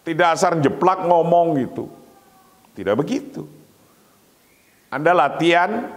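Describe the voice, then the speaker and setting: Slow-speaking male preacher in a reverberant hall. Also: fairly high pitch. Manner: lively, emphatic teaching, recites Arabic slowly then explains. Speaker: Islamic preacher. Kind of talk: morning religious lecture.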